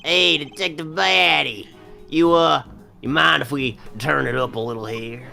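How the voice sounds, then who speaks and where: A bumbling, eager sidekick detective with a goofy, slightly whiny edge, voiced by a performer in an improvised fan dub. The tone is bright and tense, with gravelly fry underneath. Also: medium pitch, unhurried, soft background music, heavily acted.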